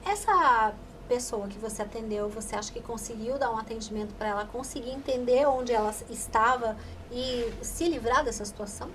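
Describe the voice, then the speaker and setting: High-voiced woman podcast host. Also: fairly quick, few pauses, a bit bright, slight background noise. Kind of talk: podcast interview.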